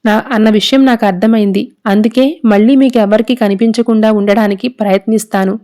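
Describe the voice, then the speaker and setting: A woman reading the part of a heartbroken middle-aged father who pleads earnestly and sorrowfully. The voice sits fairly high and mellow, with a soft, warm tone. It is read as serial recap narration. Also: fairly even intonation, brisk, close to an everyday voice.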